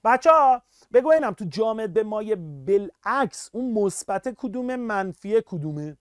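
A male teacher runs a live online physics lesson, coaxing his students to answer and praising them again and again. His voice sits high and comes through smooth and clear. The sound is close and dry, with no room around it. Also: dry recording. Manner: energetic, urging students on, praising often. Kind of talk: live online class lecture.

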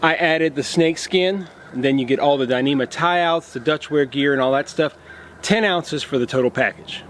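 A man's voice: fairly high pitch, a little hiss or hum. A man in his thirties casually explaining and demonstrating hammock camping gear outdoors in a forest, recorded on a camera mic. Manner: relaxed, hands-on explaining while demonstrating gear.

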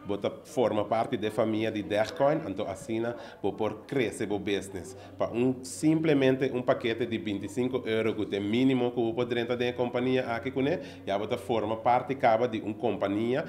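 A man's voice: lowish voice, fairly quick, hardly any pauses, darkish tone. A middle-aged man, earnestly explaining his business into a handheld mic in a news interview indoors. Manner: earnest, explaining step by step with many fillers. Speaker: business owner being interviewed. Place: indoor office at an opening event. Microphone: handheld reporter mic held close.

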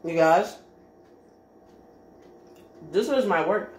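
Speaking very slowly but with lively intonation, a woman with a lowish, darkish voice chats through a cooking vlog. She fills her talk with "like" and keeps eating as she speaks, in an echoey room with slight background noise.

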